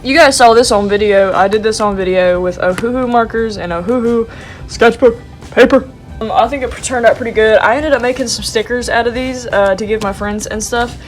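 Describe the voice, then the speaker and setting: Soft music plays behind this vlog chat, where a twenty-something woman flips through her sketchbook. Her voice is fairly high and a little fast, her talk is slangy and playful, and she's audibly sniffly and congested.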